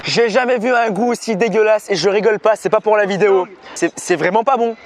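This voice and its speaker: A man's voice: high voice, a little fast, faint music behind. A young man bantering bluntly in slang and complaining, as in a casual challenge video.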